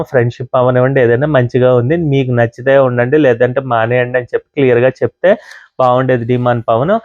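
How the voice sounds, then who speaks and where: A man's voice: medium pitch, a little mellow, no echo, lo-fi sound. A man reviewing a reality show episode in a casual, chatty monologue, dropping English words in among his talk. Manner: chatty, mixes in English words, many fillers.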